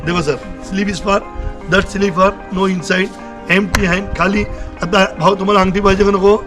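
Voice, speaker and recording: High-voiced chatty street magician man. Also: steady tone, unhurried. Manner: chatty showman, coaxing and joking with onlookers. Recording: loud background music over outdoor audio. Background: loud music.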